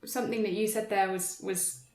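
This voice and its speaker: In an echoey room, a woman with a mid-range, darkish voice speaks steadily and a little fast. She's a theatre practitioner on a panel, musing in a hesitant, hedging way during a thoughtful, unscripted conversation.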